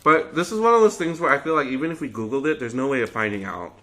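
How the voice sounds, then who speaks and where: A man with a bright, crisp-edged voice at a middle pitch hosts a casual eating video. He chats loosely and muses aloud, feeling his way through each thought. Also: animated, fast. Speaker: mukbang video host. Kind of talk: casual chat over a meal.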